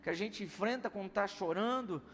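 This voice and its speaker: A man preaching a sermon as pastor, telling a story in an animated way that swings between loud and hushed. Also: high voice, a little fast, slight background noise. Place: church service hall. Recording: reverberant church hall with soft music.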